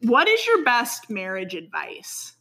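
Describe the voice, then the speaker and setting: A woman hosting a casual chat with her husband, playful and quick to laugh. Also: fairly high pitch, big pitch swings, pushed and bright. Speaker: podcast host.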